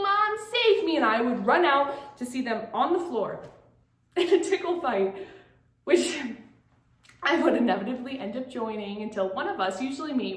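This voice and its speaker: A teenage girl with a high voice performs a dramatic monologue for competition. She moves from bright, playful storytelling to hushed, fearful passages. The sound is roomy and echoey. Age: teens. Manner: shifts between bright storytelling and hushed dread. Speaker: student competitor.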